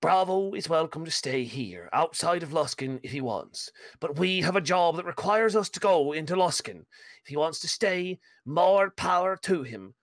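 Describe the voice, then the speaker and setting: A man's voice: on the high side, lively intonation, moderate pace, no echo. A man voicing an earnest, stubborn dwarf fighter in a tabletop game, speaking emphatically and repeating himself like an orator. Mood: resolute.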